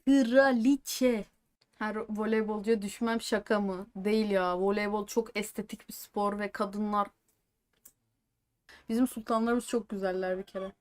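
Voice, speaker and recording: A woman streamer chatting live to her viewers while watching a match, with excitable reactions and joking asides that mix in English words. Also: medium pitch, a little slow. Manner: excitable, swings between joking chatter and anxious outbursts.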